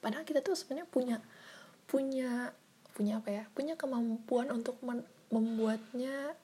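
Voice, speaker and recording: A woman's voice: a little high, normal speed, slightly rough. A young woman talking to herself in a casual, reflective way, often sliding into a whisper and repeating her questions. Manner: soft-spoken, drifting into whispers, filler-heavy and self-questioning.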